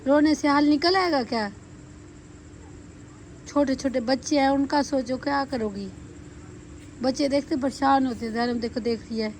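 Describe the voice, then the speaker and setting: A woman's voice: high voice, moderate pace, pauses often, a little mellow, slight background noise. A woman from Pakistan filming a casual family vlog at home, talking a lot, comforting a crying relative and directing the children. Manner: talkative, comforting and directing others. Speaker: vlogger.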